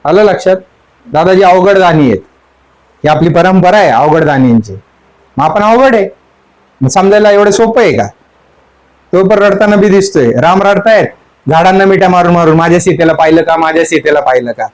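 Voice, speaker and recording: A man's voice: sits high, expressive, normal speed, pauses often, rough recording. A man, a spiritual teacher, giving a sermon that explains song lyrics. He keeps asking his listeners questions and repeats the song line again and again. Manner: asks the audience question after question.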